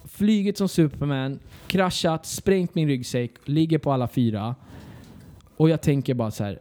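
A man telling a story in a casual podcast chat, animated, swearing and acting out dialogue. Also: fairly high pitch.

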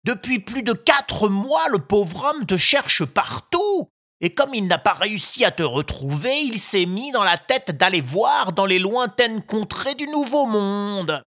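Woman voicing a kindly, chatty pigeon in a storybook, high calls, lively and dry. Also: a little slow, hardly any pauses. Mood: friendly. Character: big kindly pigeon, talkative and helpful.

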